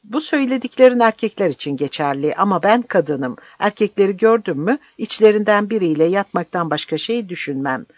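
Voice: mid-range voice, expressive, fairly quick, hardly any pauses, no room sound, pitched above the performer's own voice, close to an everyday voice. A reader voicing a defiant young woman guerrilla fighter who answers back and screams shrilly, on a dry, slightly dull recording.

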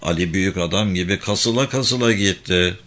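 A man narrating a story aloud in a steady storybook manner, adding short footnote asides. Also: low-pitched, moderate pace.

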